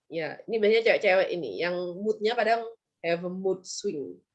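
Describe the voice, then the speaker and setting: A woman's voice: fairly low pitch, lively intonation, moderate pace, dull audio. A woman with an Indonesian accent teaching English vocabulary in an online class, quizzing her students and acting out example lines.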